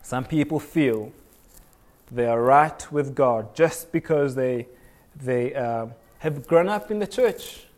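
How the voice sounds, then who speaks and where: A man's voice: mid-range voice, lively intonation, takes it slowly, darkish tone. A young man from Kenya preaching a sermon earnestly, often repeating phrases for emphasis. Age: young adult.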